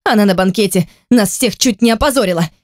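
A reader voicing a spoiled, scheming young woman in an audiobook, pleading and scornful by turns with a voice that climbs high. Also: quick pace, no room sound, clean studio sound, close to an everyday voice. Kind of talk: audiobook character voice.

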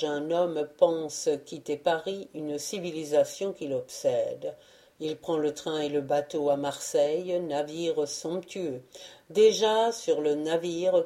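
A woman narrating a literary audiobook with a low, dark voice. She reads slowly and with measured care, letting each phrase settle before going on. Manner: measured, unhurried reading. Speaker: audiobook reader.

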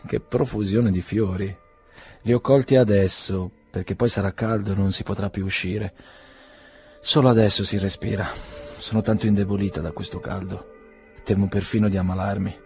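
A man's voice: on the low side, fairly even intonation, moderate pace, darkish tone, soft background music, close to an everyday voice. A man reading as a shy young woman.

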